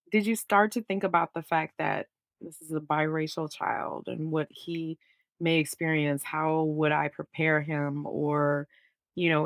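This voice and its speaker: A woman hosts a casual podcast interview and backs her guest up warmly. Her voice is a little low with a gravelly edge, and the sound is dry and close. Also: no echo. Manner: supportive, quick to laugh along. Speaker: podcast host.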